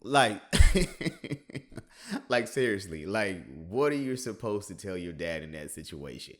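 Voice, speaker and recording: A man giving casual reaction commentary, chatty and animated, often laughing. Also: on the low side, slow. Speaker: reaction host.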